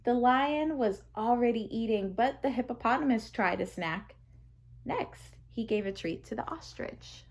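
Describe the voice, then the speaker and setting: A woman reads a children's picture book aloud, telling the story in an expressive, deliberate way. Her pitch sits fairly high, with slight background noise.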